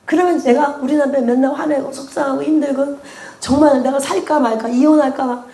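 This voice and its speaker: A woman's voice: sits high, a little fast, echoey room. A woman teaching a church class on prayer, telling her own story with lots of laughter and acted-out prayers. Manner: animated storytelling, laughs often, acts out prayers. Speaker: prophecy school teacher. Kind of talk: sermon-style teaching with personal testimony.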